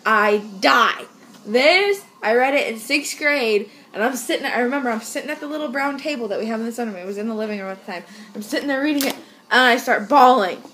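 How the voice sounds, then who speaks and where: Young woman, high and lively, giggly storyteller in a casual chat. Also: fast talker, slight background noise. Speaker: co-host.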